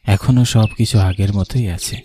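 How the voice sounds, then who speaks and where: A man with a warm, lowish voice lightly acts the part of an earnest young man narrating his eerie village journey in a first-person cartoon ghost story. He speaks at a normal speed with fairly even intonation, sounding wondering and uneasy.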